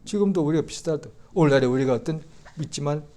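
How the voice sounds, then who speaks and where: A male pastor preaching a Sunday sermon, acting out the story in voices and swinging from quiet talk to loud outbursts. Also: on the high side, fast.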